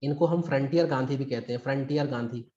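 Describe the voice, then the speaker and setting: A medium-pitched man with a mellow voice and quick pace teaches history online for exam preparation, conversational and emphatic, acting out quotations. Captured via video call, the recording sounds roomy and its highs are cut off.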